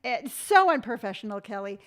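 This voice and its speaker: Her pitch sits fairly high and her delivery is sing-song and fairly quick. She's a woman in her late fifties doing casual live-stream chat, reading out viewers' comments and recounting stories with strong conviction.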